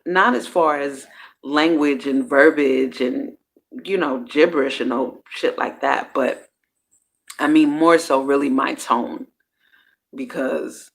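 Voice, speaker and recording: Low-pitched and gravelly, this woman delivers a casual, reflective monologue on her own personal growth series. She's candid and slangy, curses freely, and keeps breaking off sentences to restart them.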